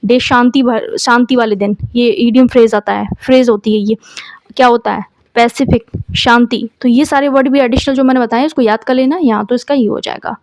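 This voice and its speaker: A woman's voice: fairly high pitch, steady tone, brisk, no echo. A woman teacher with an Indian accent, giving an exam vocabulary lesson, spelling words out letter by letter and using memory tricks.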